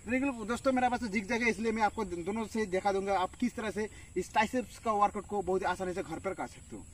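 A fitness instructor in his twenties demonstrates a home workout in an open farm field, counting reps aloud as he lifts and using lots of fillers. His voice is high-pitched and fast. The audio comes from a camera at a distance outdoors, with faint noise.

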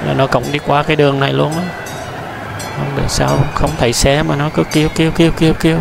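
A man with a heavily gravelly, creaky voice chats his way through an indoor amusement park, talking straight to his viewers. He rambles along with fillers and restarts in an even, flat delivery. Clear crowd and ride noise fills the space behind him. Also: on the high side, fast. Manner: chatty, addresses viewers directly, rambling with many fillers and restarts. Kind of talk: casual walking-tour commentary. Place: large indoor mall amusement park, noisy and busy.

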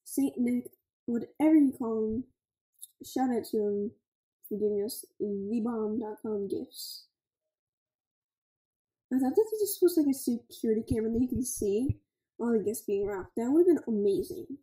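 Chatty woman with a dark, mellow tone. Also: fairly high pitch, lively intonation, a little slow, long pauses, roomy sound, rough recording. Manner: chatty, scattered, fillers like "like" and "okay". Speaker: gaming channel host. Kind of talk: casual gameplay commentary.

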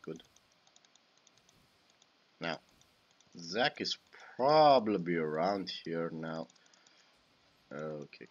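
This young man, a gaming YouTuber with a Romanian accent, talks over his own gameplay in a small home room, cursing and exclaiming at misplays. His low voice is expressive but extremely slow, with frequent pauses, and the recording is muffled.

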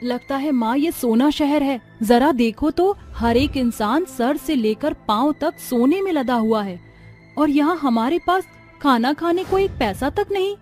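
A woman's voice: sits high, lively intonation, a little slow, a little mellow, faint music behind. A woman voicing a five-year-old girl in a cartoon, in a childlike, marveling tone.

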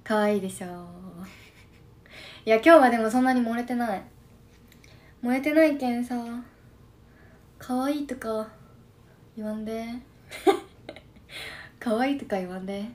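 Husky young woman with a Shimane lilt. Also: fairly high pitch, darkish tone. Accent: Shimane dialect. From Shimane, Japan. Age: 20s. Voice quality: husky, slightly hoarse. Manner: reads viewer comments aloud, murmurs quick thank-yous. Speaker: idol livestreamer. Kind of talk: casual live-stream chat.

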